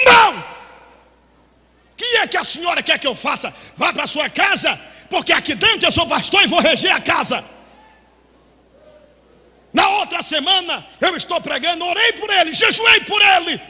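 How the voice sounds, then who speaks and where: A man preaching a fervent storytelling sermon as pastor, often breaking into shouts. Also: extremely high pitch. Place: church hall. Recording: echoey church hall reverb.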